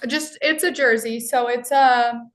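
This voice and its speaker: A woman's voice: fairly high pitch, unhurried. A woman joining a live stream as a guest over a video call, talking casually and hesitantly with many fillers. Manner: relaxed, hesitant, filler-heavy. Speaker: guest bowler.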